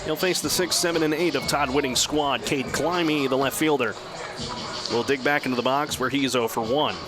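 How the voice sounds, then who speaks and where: This male radio announcer delivers baseball play-by-play, alternating calm narration with bursts of excitement. His mid-range voice comes over music, and a crowd can be heard behind him.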